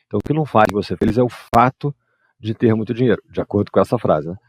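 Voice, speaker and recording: A man, teaching English grammar and patiently explaining exercises, reading the English examples slowly. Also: on the low side, husky, no echo. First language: Portuguese.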